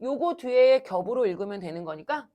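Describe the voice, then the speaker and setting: Woman, language teacher, classroom lecture, lively pitch, brisk coaxing questions. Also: highs cut off. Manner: asks students questions and answers them herself, brisk and coaxing. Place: cram school classroom.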